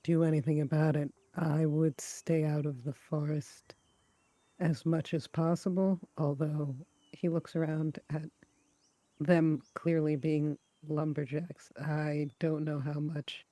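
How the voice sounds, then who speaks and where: Male tabletop player, slightly high mellow voice, casual game talk. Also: level tone, slow, dry recording.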